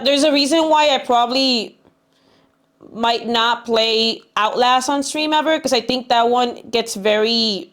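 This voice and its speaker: A woman with a fairly high voice livestreams, chatting casually with her viewers in a cute, bubbly anime-streamer style and often repeating herself.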